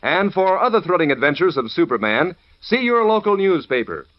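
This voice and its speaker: A man's voice: a little high, sing-song, normal speed. An American man delivering a chatty, folksy 1940s radio advertisement as the sponsor's announcer. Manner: chatty, salesmanlike. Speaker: commercial announcer. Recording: dull old radio broadcast recording.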